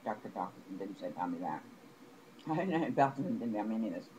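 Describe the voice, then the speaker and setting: An aggrieved man pours out a rambling personal complaint in a lowish voice, stopping and restarting mid-thought. The recording carries a clear layer of background noise. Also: very animated, fast talker, a little mellow, dull audio. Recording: noisy home recording.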